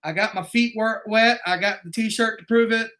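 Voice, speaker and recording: A middle-aged man talking as a guest in a casual conversation, telling stories in a rambling, animated way. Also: high-pitched, moderate pace. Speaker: guest martial arts instructor.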